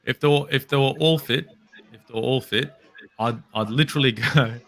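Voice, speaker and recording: A man talking football casually, animated and swearing now and then. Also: mid-range voice, fairly quick. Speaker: podcast guest.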